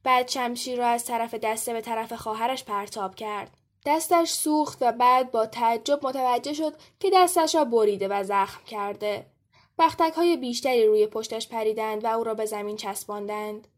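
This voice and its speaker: A woman reading a story aloud in an even, measured voice. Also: on the high side. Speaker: narrator.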